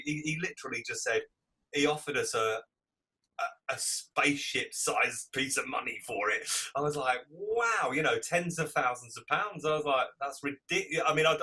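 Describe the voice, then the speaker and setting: A man's voice: mid-range voice, bright, forceful tone, slightly rough, far from the mic. Chatty man telling stories. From England. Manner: chatty, laughing, swears, frequent restarts. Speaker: DJ and producer guest. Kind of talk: casual storytelling interview.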